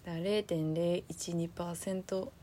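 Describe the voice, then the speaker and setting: A woman from Aomori with a Tsugaru accent, co-hosting a casual chat podcast in a relaxed, chatty way and laughing often. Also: on the low side, moderate pace, slight background noise. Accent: Tsugaru dialect. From Aomori, Japan. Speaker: podcast co-host.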